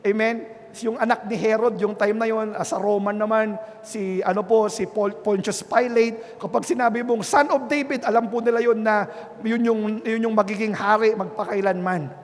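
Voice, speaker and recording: A man with a Filipino accent preaching a bilingual Sunday sermon on a handheld mic, asking "Amen?" after nearly every phrase and moving from quiet earnest talk to loud, emphatic preaching. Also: high voice, steady tone, normal speed, slight background noise. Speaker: pastor. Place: church sanctuary. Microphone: handheld microphone. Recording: long hall reverb in a church.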